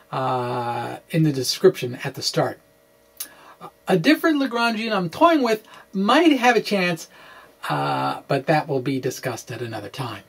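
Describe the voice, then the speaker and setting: In a small indoor room lined with bookshelves, a man in his forties presents physics, mixing dramatic reading with informal explanation. He's animated and quirky, with hesitant asides, and his voice is fairly high.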